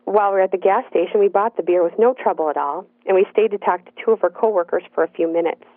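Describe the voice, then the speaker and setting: A woman telling a personal story in the first person, in an earnest, measured narrating voice. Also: medium pitch, no echo. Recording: dry, tinny phone-like sound.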